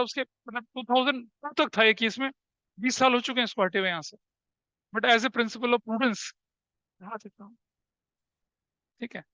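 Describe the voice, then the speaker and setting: A male teacher in his forties lectures a class in a very high, sharp and smooth voice. He keeps quizzing his students and repeats each point. The recording is dry and slightly lo-fi. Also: dry recording. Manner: questioning, repeats points, calls students "beta". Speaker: accountancy teacher. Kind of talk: classroom lecture mixing Hindi and English.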